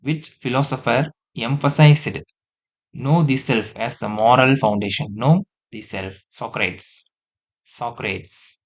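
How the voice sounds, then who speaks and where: A man teaching exam prep speaks in a steady, mid-range voice. He reads multiple-choice questions and says each answer again slowly, with frequent dips into quieter asides.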